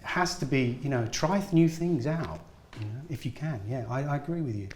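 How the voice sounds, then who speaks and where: A man's voice: mid-range voice, a little fast, darkish tone. Man giving earnest advice, roomy room. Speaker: guest actor. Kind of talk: casual interview talk. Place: film studio at a school event.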